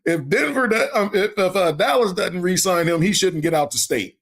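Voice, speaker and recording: A high-pitched, slightly bright man co-hosts a fantasy football podcast at a moderate pace. His chat is laid-back and folksy, and he often repeats words when starting a thought.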